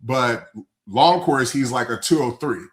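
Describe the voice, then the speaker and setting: A man's voice: mid-range voice, animated, unhurried. Man chatting in a roomy echo. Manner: rambling, lots of fillers and restarts. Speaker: podcast co-host. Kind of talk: casual sports chat.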